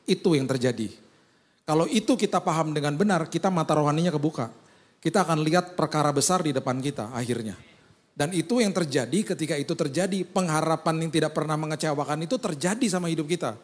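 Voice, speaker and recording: Joking pastor preaching in casual slang. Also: male voice, a little high, fast talker. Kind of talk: humorous sermon with acted-out anecdotes.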